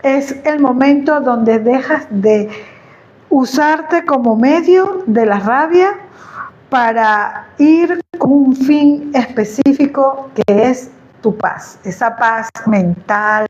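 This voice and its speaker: A chatty woman with a fairly high voice shares her thoughts on inner peace in an animated, conversational way, often checking that the listener follows along. The recording sounds a little dull. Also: slow pace. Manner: chatty, animated, asks "¿me entiendes?". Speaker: host, therapist.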